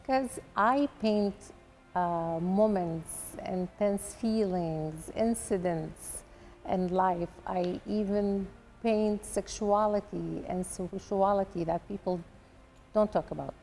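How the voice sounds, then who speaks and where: A woman from Iraq with an Iraqi Arabic accent, an artist answering interview questions in slow, deliberate phrases. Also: medium pitch, warm tone, faint music behind. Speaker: artist guest.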